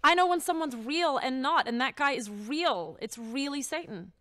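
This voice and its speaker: An actress playing a brash, excitable woman who talks in a rapid, insistent way. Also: high-pitched, no room sound. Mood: excited.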